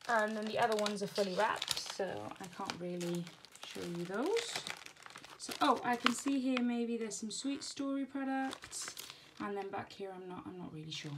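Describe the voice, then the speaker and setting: A woman's voice: medium pitch, normal speed. A woman vlogger chatting casually as she packs a birthday gift box at home, rambling and correcting herself, recorded on a camera on a tripod. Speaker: crafting vlogger. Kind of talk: casual chat while packing a gift box. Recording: clear background noise and handling clicks.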